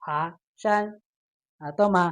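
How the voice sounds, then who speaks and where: A woman with a Lao accent teaching a beginner Chinese lesson, saying each word twice and explaining its meaning. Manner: slow, repeats each word, reads Chinese aloud brighter and louder. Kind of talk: language lesson.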